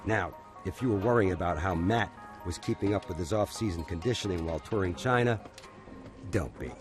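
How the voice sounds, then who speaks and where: Over a soft music bed, a deep-voiced man delivers scripted documentary narration in a studio voice-over. He speaks briskly, with an upbeat, wry storytelling style.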